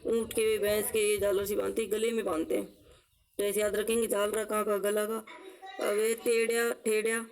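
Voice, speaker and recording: Heard on a rough recording, this woman's mid-range voice is flat and darkish in tone. She drills exam terms through memory tricks and repeated words, explaining slowly while asking and answering her own questions.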